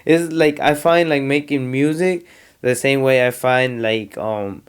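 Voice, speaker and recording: A man talks in an easy, relaxed way with a smooth, clear voice. He speaks in loose slang and often switches mid-sentence into Spanish. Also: medium pitch, measured pace. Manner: laid-back slang, often says "you feel me", slips into Spanish. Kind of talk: casual chat.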